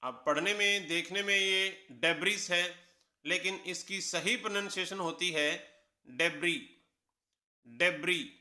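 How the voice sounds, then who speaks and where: A man, teaching pronunciation at an unhurried pace. His voice is high and very bright. He spells each word out one letter at a time, then repeats the correct pronunciation twice. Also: fairly even intonation. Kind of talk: slow, deliberate classroom explanation.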